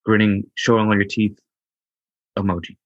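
A man's voice: fairly low pitch, flat delivery, normal speed, dry recording, lo-fi sound. A man co-hosting a podcast in casual chat, laid-back and stumbling over his words. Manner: laid-back, stammering restarts, says bro. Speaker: podcast co-host.

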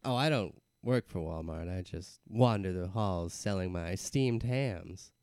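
Man as a deadpan, smooth-voiced oddball food peddler. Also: low voice, a little slow, no echo, studio quality. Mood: hawking, sly. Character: odd, easygoing male hamburger peddler in a store. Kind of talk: improvised audio comedy.

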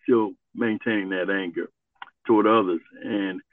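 An older man from Ohio, a Vietnam veteran, telling his life story in an interview in an earnest, halting way. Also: fairly low pitch, fairly even intonation, no room sound. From Ohio, USA. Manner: earnest, halting, searching for words. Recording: tinny phone-like line.

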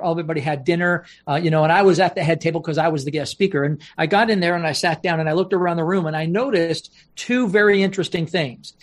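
A man, a professional speaker, telling anecdotes with punchlines in an interview and laughing easily. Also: on the high side. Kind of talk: storytelling interview talk.

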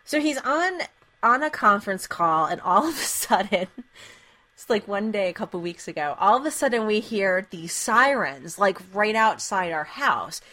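A woman's voice: medium pitch, animated, normal speed, bright, forceful tone. A woman co-hosting a podcast, telling a story in a chatty way and often laughing as she talks. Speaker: podcast co-host. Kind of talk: casual chat, storytelling.

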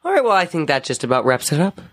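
A woman's voice: low-pitched, very animated, fast talker. A woman hosting a podcast in enthusiastic casual chat, saying "dude" often and swearing freely.

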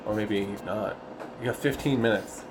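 A man playing a tabletop game, asking quick questions and making plans. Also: lowish voice. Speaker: player. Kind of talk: casual tabletop play. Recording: echoey room with clear noise.

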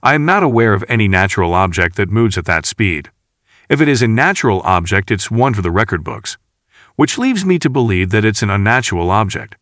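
A man reading as a calm, measured scientist. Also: on the low side, dry recording, clean studio sound. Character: calm male station chief scientist. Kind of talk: audiobook character reading.

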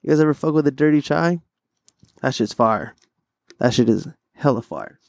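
A man's voice: mid-range voice, animated, normal speed, vocal fry, a little mellow, no room sound. Stoned young guy rambling, dry close sound. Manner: stoned, laid-back slangy bro talk; profane, repeats phrases. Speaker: podcast host. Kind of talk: casual rambling solo podcast chat.

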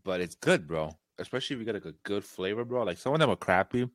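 A man with a fairly low voice hosts a casual podcast chat. His pitch swings widely as he jokes around in slang. The sound is dry and close. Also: quick pace, no echo. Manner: animated, slangy, laughs often. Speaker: podcast host.

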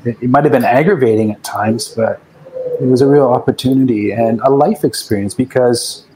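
A man's voice: medium pitch, a little fast, warm tone, slight background noise, low-quality recording. A man, a guest musician, telling rambling anecdotes in a casual interview, often restarting his sentences.

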